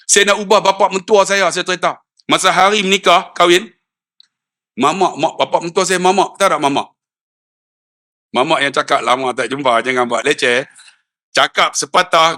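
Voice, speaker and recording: A middle-aged man with a Malaysian Malay accent preaching a lively sermon, acting out quoted dialogue and swinging from low asides to high emphatic peaks. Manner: acts out quoted dialogue in storytelling. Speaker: religious preacher.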